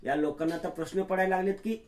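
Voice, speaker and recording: A man's voice: high-pitched, fairly even intonation, fast talker, darkish tone, natural voice. A man voicing a tearful, resentful young woman in a retold TV serial, with a raised, plaintive voice. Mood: tearful, bitter.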